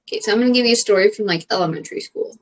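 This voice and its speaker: A woman's voice: mid-range voice, racing, poor audio. A young adult woman, a comedian, chatting casually as she answers questions, rambling with lots of fillers and casual swearing. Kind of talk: casual chat.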